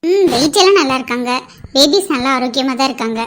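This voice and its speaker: A woman voicing a brisk, commanding cartoon doctor urging a patient to push. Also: high voice, expressive, a bit bright, a little hiss or hum.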